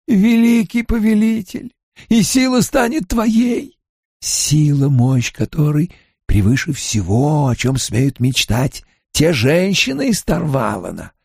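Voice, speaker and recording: A man playing a cruel dark lord in an audiobook, commanding and menacing, drawing out his words to tempt his prey. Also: a little high, vocal fry, breathy edge, dry recording, studio quality, voice pushed up, full character voice. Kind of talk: dramatic audiobook character voice.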